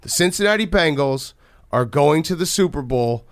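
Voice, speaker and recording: Guy in his 30s rambling about football on a podcast, voice a bit high, kinda down on himself. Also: expressive. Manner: rambling, self-deprecating, quick jumps in pitch. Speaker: podcast co-host. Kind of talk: casual sports chat.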